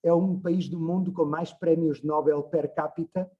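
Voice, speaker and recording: A man's voice: a little high, fairly even intonation, moderate pace, breathy edge, highs cut off. A man, giving an online lecture as a journalist, talking discursively with frequent hesitations over a video call. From Portugal.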